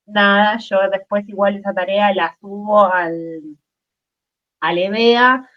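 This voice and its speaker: A woman's voice: mid-range voice, fairly even intonation, slow pace. A woman teacher with an Argentine accent, leading an online class in a casual way, with many fillers and frequent checks with her students. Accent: Argentine Spanish. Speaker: chemistry teacher. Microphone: video call. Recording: dull lo-fi video call audio.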